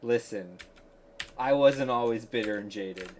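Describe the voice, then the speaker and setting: A man's voice: medium pitch, measured pace, a crowd in the background. A man chatting casually on a podcast, often laughing and poking fun at himself. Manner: laughs often, self-deprecating. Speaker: podcast co-host.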